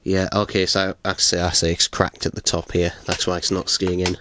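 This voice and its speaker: A man's voice: low-pitched, completely flat delivery, normal speed, fairly bright tone, slight background noise. A man casually unboxing items at home, rambling with many fillers and casual swearing, sore after a fall. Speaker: unboxing vlogger. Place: small room at home. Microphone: close desk microphone.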